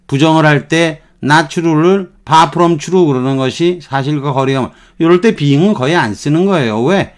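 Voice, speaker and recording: A man giving an English lesson, explaining phrases patiently and repeating them over and over. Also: a little high. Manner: unhurried, repeats phrases, drifts between Korean and English. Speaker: English teacher.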